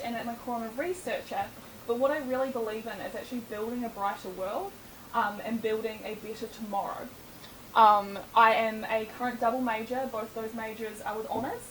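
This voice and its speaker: A woman's voice: on the high side, recorded from a distance, slight background noise. Young New Zealand woman, roomy hall. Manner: chatty, many ums and small laughs. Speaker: student speaker. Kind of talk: presentation talk.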